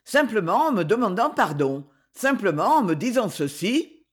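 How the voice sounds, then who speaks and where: A reader voicing a proud, fierce male knight with a raspy voice, speaking gravely and vehemently. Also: mid-range voice, very animated, normal speed. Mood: stern. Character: proud adventurer knight, fierce and wounded in honor.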